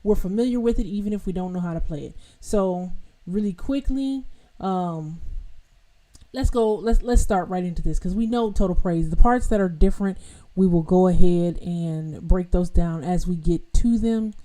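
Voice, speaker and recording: A woman with a fairly low, mellow voice hosts a live-streamed piano lesson at a normal pace. She chats casually and directly with viewers, with loose fillers and restarts, through a home streaming mic with adjustable level.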